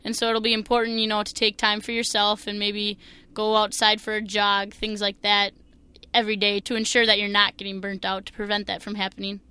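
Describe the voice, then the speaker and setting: A young woman from Minnesota with a Minnesotan accent, answering interview questions as a new teacher, energetic and earnest. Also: medium pitch, brisk, clear, resonant tone.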